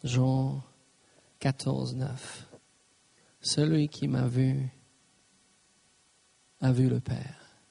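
A man's voice: medium pitch, level tone, drawn-out words, vocal fry, pauses often, warm tone, slightly rough. A man preaching a sermon, emphatic, punctuating his points with "Amen" and slipping in English phrases. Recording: reverberant hall.

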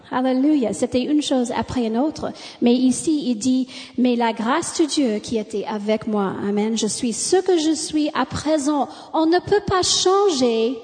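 High-pitched American-accented woman preaching in a hall. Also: mellow. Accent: American accent in French. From United States. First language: English. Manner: exclamatory, punctuated with amens and hallelujahs. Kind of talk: sermon. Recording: long hall reverb.

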